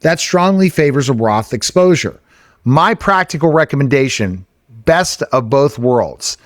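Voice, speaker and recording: A man reads an answer aloud on a podcast in a steady, plain voice of middling pitch. The sound is dry and close, with no room echo. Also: unhurried. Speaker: podcast co-host. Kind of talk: reading aloud and casual chat.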